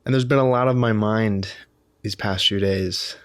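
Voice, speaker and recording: A man's voice: on the low side, fairly even intonation, moderate pace, fairly bright tone, no echo. A tired man vlogging to the camera in a rambling, self-deprecating way, often restarting his sentences. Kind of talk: casual talk to camera.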